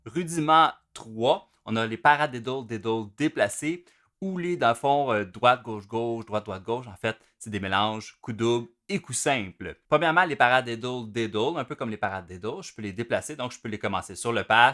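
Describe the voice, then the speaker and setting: A man, explaining drum rudiments in a relaxed, casual way with many fillers. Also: mid-range voice, normal speed. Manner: relaxed, talks through patterns with many fillers. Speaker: drum teacher.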